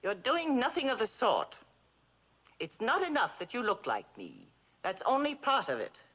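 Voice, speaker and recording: A woman's voice: fairly high pitch, wildly swooping pitch, moderate pace, a bit bright, full character voice. An actress playing an imperious, ailing older woman who scorns her son, in a 1960s television drama. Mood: commanding. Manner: commanding, cutting, theatrical.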